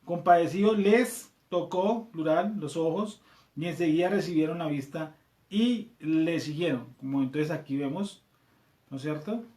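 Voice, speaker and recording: A Colombian man leads a scripture class, reading passages aloud and going over them again. His voice sits a little high for a man. The room around him is noticeably echoey. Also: a little slow, warm tone. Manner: reads verses aloud, repeats them, checks in with "¿cierto?". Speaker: Bible study teacher.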